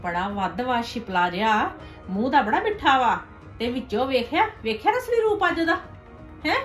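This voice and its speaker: A woman playing a meddling, sharp-tongued village aunt who gossips and scolds in a web series drama. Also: on the high side, big pitch swings, normal speed, soft background music. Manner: gossipy, scolding, ends remarks with "haiṅ?". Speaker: paternal aunt.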